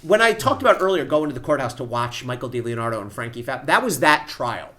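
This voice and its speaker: A man's voice: medium pitch, expressive, fast, a crowd in the background. A man who was a federal prosecutor, telling stories plainly and vividly as a podcast guest. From United States. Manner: vivid storyteller, plain-spoken. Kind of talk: storytelling in a podcast interview.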